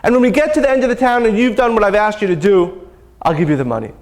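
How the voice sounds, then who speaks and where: Man doing a drunk wealthy townsman, loud, jovial, high voice. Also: lively intonation, quick pace.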